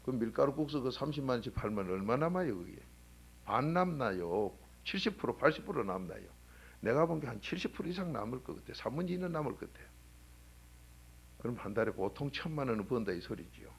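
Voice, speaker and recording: Male pastor, sermon, husky voice, lively up-and-down pitch, rhetorical questions, loud then hushed. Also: a little fast. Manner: swings between loud exhortation and low, quiet asides. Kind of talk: early-morning sermon. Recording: 1997 church sermon recording.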